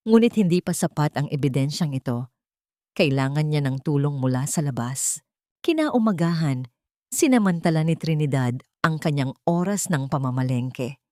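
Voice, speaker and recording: A woman with a Filipino accent narrates a scripted dramatic story like an audiobook reader. Her voice sits low with a darkish tone, and the recording is dry and studio quality.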